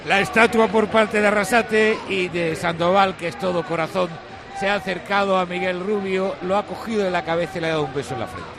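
High-voiced Spanish male touchline reporter. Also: fairly quick, crowd noise. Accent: Spanish from Spain. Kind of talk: live match reporting.

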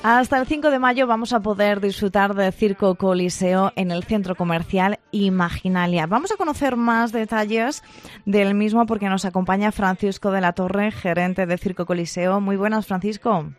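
A woman's voice: medium pitch, moderate pace, no room sound. A woman radio host, presenting and interviewing a guest in a chatty way with leading questions.

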